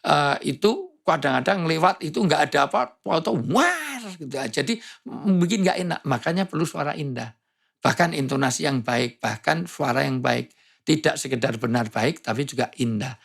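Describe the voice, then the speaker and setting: Gravelly-voiced joking male preacher. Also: medium pitch, normal speed. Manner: joking, playful, imitates sounds. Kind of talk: humorous preaching in conversation.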